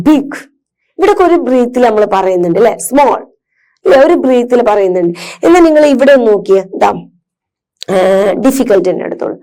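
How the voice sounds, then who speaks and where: A woman's voice: on the high side, warm tone. A woman teacher patiently explaining grammar to children, asking and answering her own questions. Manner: patient, asks and answers her own questions, mixes English terms into Malayalam.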